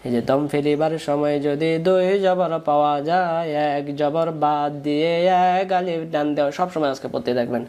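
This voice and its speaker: A man's voice: fairly high pitch, normal speed, few pauses, a little mellow, clear, resonant tone. A man with a Bangladeshi Bengali accent teaching Quran recitation rules, patiently drilling syllables and asking his pupils to repeat after him. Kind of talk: spoken lesson with call-and-repeat drills.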